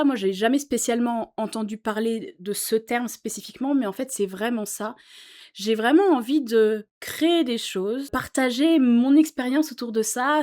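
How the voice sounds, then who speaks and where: Woman YouTuber, voice a touch high, sincere and reflective, talking casually from an office sofa. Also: a little mellow. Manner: earnest, thoughtful, with many fillers. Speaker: YouTuber and musician. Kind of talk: casual chat to camera.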